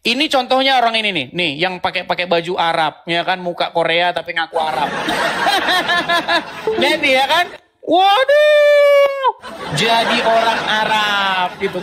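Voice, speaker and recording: Man, debate host, fairly high voice, mocking, laughs a lot, repeats phrases. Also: expressive, moderate pace, over a noisy crowd, heavy background noise. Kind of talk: provocative debate commentary.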